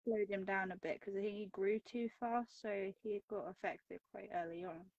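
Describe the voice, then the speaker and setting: A woman's voice: mid-range voice, steady tone, moderate pace, darkish tone, dry recording. A woman chatting casually while colouring on a livestream, laughing often between remarks. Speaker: livestream co-host. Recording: dull, dry lo-fi livestream audio.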